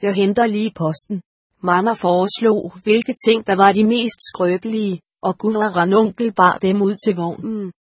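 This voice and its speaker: A woman narrating a storybook in an even, measured reading. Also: mid-range voice, breathy edge, dry recording, studio quality. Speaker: audiobook narrator.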